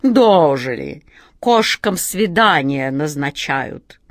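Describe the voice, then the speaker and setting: A woman's voice: sits low, animated, takes it slowly, no echo, clean studio sound, voice pushed down, full character voice. Woman doing a vain purring storybook cat, sly and smug, no room sound. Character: vain grown she-cat, sly and predatory.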